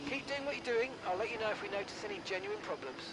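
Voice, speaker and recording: A voice actor playing a race engineer giving brisk, instructive radio calls to a driver. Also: medium pitch, sing-song, low-quality recording. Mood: calm. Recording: loud engine noise behind voice. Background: loud car engine and race ambience.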